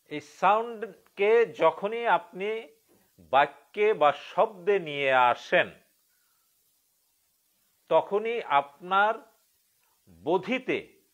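A man from Bangladesh teaching meditation in a live-streamed spiritual lecture, speaking slowly and deliberately, drawing out key words and putting questions to his listeners. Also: high-pitched, fairly bright tone, highs cut off.

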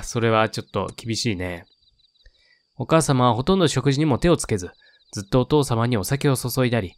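A man reading a horror game's story aloud in a calm voice, dropping in laid-back side comments. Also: medium pitch, no echo. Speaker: game reader and streamer.

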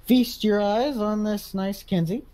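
Guy doing a farm auctioneer, high voice, kinda mellow, casual game roleplay selling used equipment. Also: fairly even intonation, a little slow. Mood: matter-of-fact pitch. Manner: auctioneer's bid calling, repeating prices. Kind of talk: casual improvised video game role-play.

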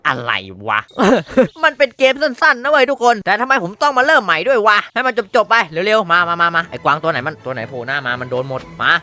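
A man streaming a horror hunting game, reacting with excitable, jokey exclamations and running commentary. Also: high voice, quick pace, few pauses. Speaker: gaming streamer.

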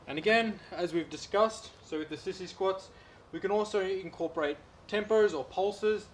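A man's voice: high voice, moderate pace, slight background noise. A young man, a personal trainer, demonstrating home exercises in a garden while talking to a far camera. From Australia. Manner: relaxed, coaching while doing reps.

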